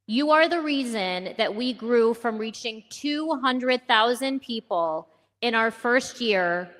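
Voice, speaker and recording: A woman leading a charity, giving an earnest, measured welcome speech at a gala, thanking supporters and listing guests. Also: a little high, expressive, fairly bright tone. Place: large gala ballroom. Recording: long hall reverb.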